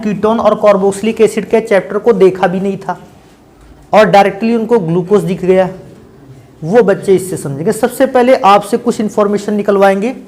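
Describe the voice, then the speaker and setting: Questions and self-supplied answers fill this classroom chemistry lecture, given by a man whose voice is high yet darkish in tone. He refers to his students as beta and bhaiya.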